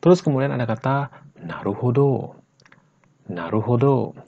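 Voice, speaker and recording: A man from Bali teaching Japanese slang in a casual lesson, saying each phrase slowly and then at normal speed, and tagging lines with a chatty "guys, ya". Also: mid-range voice, animated, gravelly, husky, muffled recording. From Bali, Indonesia. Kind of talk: casual vlog-style lesson.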